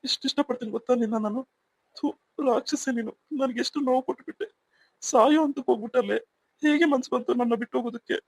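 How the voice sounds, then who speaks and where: A woman's voice: a little high, fast, breathy edge, dry recording, rough recording. A woman voicing a young husband in a cartoon who anxiously pleads with his wife in the hospital. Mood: tender. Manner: pleading, urgent. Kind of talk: cartoon voice acting.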